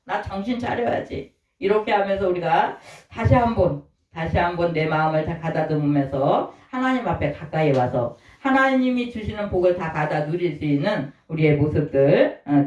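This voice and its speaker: A man's voice: on the high side, normal speed, darkish tone. Guy preaching in church, keeps asking the congregation questions, sounds far from the mic, muffled recording. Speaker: pastor. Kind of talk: sermon. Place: church sanctuary. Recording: roomy, distant, dull-sounding church recording.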